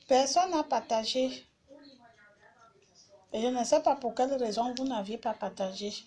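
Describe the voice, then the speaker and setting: A woman's voice: fairly high pitch, a little slow, darkish tone. A woman hosting a live stream, talking casually and bluntly, repeating herself as she insults her critics.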